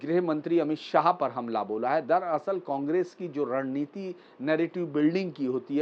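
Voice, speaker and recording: A man delivering political news commentary in a measured, explanatory way, with frequent pauses and fillers. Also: mid-range voice. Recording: slightly dull lo-fi recording.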